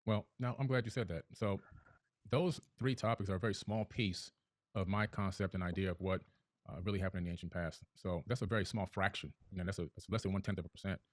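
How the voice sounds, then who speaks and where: Deep, fast, assertive man. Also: steady tone, no room sound, clean studio sound. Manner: assertive, sweeping claims. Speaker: debate guest. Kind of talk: podcast debate.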